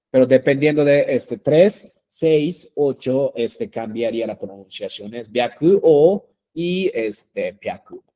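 A man's voice: mid-range voice, mellow. A man teaching a language class, patient and repetitive, with many fillers and check-ins. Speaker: Japanese teacher.

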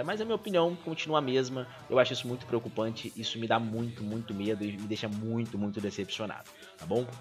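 A man's voice: mid-range voice, a bit bright. A young man with a Brazilian Portuguese accent, a streamer giving his opinion in casual commentary, earnest and full of fillers and restarts. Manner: earnest, fills speech with "cara" and "né", restarts often.

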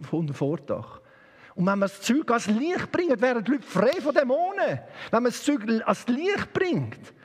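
A man's voice: extremely high pitch, breathy edge, long reverb tail. A man with a Swiss German accent preaching an impassioned, emphatic sermon in a church. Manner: impassioned, emphatic, with sudden shifts of pace. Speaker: guest preacher.

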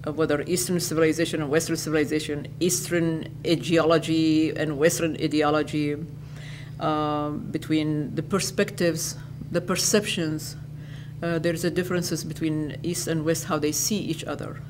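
Older lady from iraq in an empty lecture hall, measured steady talk, noisy hum behind. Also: sits low. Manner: measured, repeats and restates phrases. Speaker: interviewee, educator and public speaker. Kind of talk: reflective interview answers.

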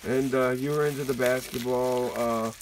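Male vlogger, mid pitch, excitable and rambling, home recording with a faint noise floor. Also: moderate pace. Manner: excitable, laughs often, lots of fillers. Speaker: card collecting YouTuber. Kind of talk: casual mail-day vlog.

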